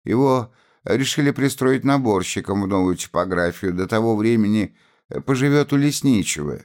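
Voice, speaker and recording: A man's voice: fairly low pitch, expressive, moderate pace, a little mellow, pitched above the performer's own voice. A man reading aloud voices a stern, earnest young woman revolutionary who speaks firmly and takes offense easily, raising his voice noticeably. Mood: subdued. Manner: earnest, firm, at times hurt.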